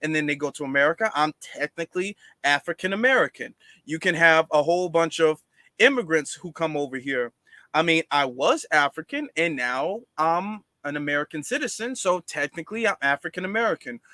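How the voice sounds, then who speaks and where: Man, livestream host, casual explaining, bright tone, dry close sound. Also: on the high side, expressive, brisk, no echo. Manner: conversational explaining, frequent fillers and restarts.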